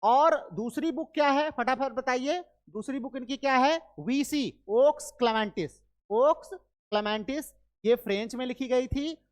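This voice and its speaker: In an online exam-prep lecture, an Indian woman with a high-sitting voice teaches literature, mixing Hindi with English terms. She drills facts by repeating them and firing off quick quiz questions.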